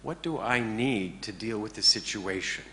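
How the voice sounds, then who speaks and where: A man with a somewhat low voice leads a meditation class in an easy, conversational way. He mixes dry jokes into the lesson and keeps checking that his listeners are following. A faint hum sits under his speech. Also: normal speed, fairly bright tone. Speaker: meditation teacher. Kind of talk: informal talk to a class.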